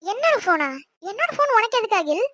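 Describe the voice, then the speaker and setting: A woman playing a soft-spoken young wife in a cartoon, apologetic and a little bewildered. Her voice is high and runs quick. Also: very animated, dry recording, exaggerated voice. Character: gentle young Tamil wife, sister-in-law. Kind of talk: cartoon voice acting.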